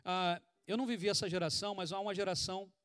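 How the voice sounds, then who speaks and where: A pastor with a Brazilian Portuguese accent delivers a sermon in a lively, conversational style, tossing out rhetorical questions along the way. His voice is high for a man, clear and resonant, and he speaks at a quick pace, sweating as he goes. The recording is dry and close-miked with no room sound.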